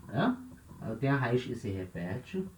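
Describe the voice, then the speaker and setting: A man's voice: medium pitch, very animated, measured pace, a little hiss or hum. Patient Brazilian male teacher, roomy echo. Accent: Brazilian Portuguese. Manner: patient, repeats key points, checks in with "né" and "tá". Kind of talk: grammar lesson at a board.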